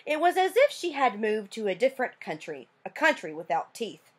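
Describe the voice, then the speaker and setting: Animated woman reading a story aloud. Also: a little high, moderate pace, husky. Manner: expressive, animated narration. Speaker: teacher reading a book aloud.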